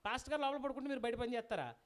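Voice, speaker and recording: A guest preacher delivering a sermon with a folk tale, lively and constantly asking the audience questions. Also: medium pitch, very fast.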